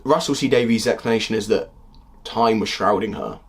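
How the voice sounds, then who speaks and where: A young man in his twenties with a husky voice, talking through a casual critique of a TV series in a heated, exasperated way. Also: on the low side, a little fast. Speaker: video critic.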